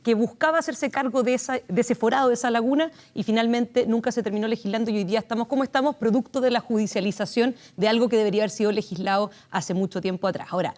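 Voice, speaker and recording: A woman with a Chilean accent, a constitutional lawyer, speaking on a studio panel in a measured way with frequent restarts. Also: on the high side, a little mellow.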